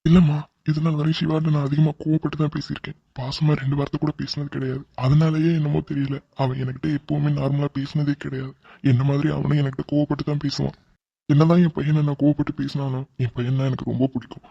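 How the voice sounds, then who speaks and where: A man voicing a stern but loving older father in a cartoon, speaking in a steady, regretful tone. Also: fairly high pitch, fast talker, vocal fry, husky, dry recording, muffled recording. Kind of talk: cartoon voice acting.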